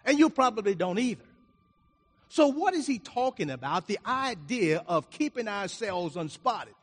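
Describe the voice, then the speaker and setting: A man's voice: high voice, big pitch swings, normal speed, a bit bright. A man preaching a sermon, reading scripture aloud and explaining it, his volume rising and falling for emphasis. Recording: reverberant hall.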